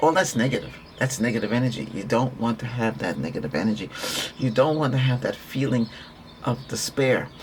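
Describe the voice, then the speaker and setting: A man speaks at an ordinary pitch, talking through a Reiki healing session in a rambling, earnest way. He repeats himself and restarts sentences as he goes. Birdsong chirps faintly in the background. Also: darkish tone, slight background noise. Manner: earnest, repetitive, conversational, with restarts. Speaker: Reiki practitioner.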